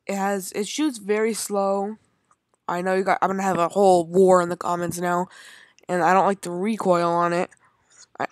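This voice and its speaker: A young woman gamer talks her way through a level in loose, rambling commentary, half to herself and half to her viewers. Her voice sits on the low side for a woman, and it is recorded close and dry with no room sound. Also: no echo. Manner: chatty and rambling, talks to herself while playing. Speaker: gaming channel host. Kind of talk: casual gameplay commentary.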